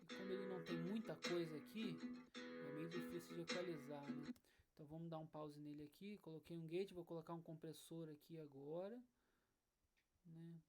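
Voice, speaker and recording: A woman's voice: deep voice, steady tone, normal speed, a little mellow. A woman teaching an online music lesson, explaining step by step and checking in with her students. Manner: explanatory, checks in often with "né?" and "tá bom?". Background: faint acoustic guitar.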